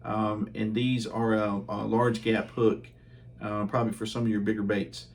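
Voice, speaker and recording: A man hosting his fishing channel, casually reviewing baits at home in a relaxed, chatty way with lots of ums and uhs. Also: on the low side, normal speed.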